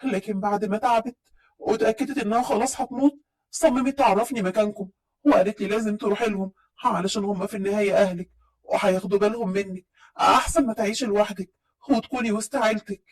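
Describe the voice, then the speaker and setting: A woman voicing a bold, proud young woman from Upper Egypt who speaks with sharp, defiant retorts, in an Upper Egyptian accent. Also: medium pitch, fairly even intonation, fast, slightly rough, lightly acted, poor audio. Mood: soft.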